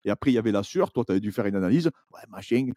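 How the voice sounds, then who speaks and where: A man, a YouTuber guest on a podcast, telling stories in an animated, chatty way with many restarts. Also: fairly low pitch, racing, dry recording, studio quality. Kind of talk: casual podcast chat.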